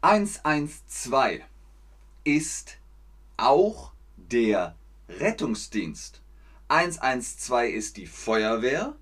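A man teaching a language lesson, speaking at a very slow, deliberate pace. His pitch moves in a lively way as he repeats words for his learners. He plays out little example scenes to make each point clear. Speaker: German teacher.

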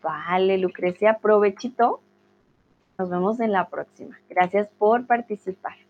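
A woman's voice: medium pitch, measured pace. A woman teaching Spanish in a live-streamed lesson, reading out viewers' chat comments and answering them in a patient, encouraging way. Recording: dull lo-fi stream audio.

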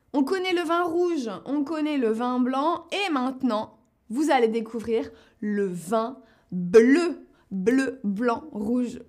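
A woman hosting a live lesson, speaking slowly and clearly and putting questions to her viewers. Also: high-pitched. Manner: slow and deliberate, asks the audience questions. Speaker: host of a live French-learning stream.

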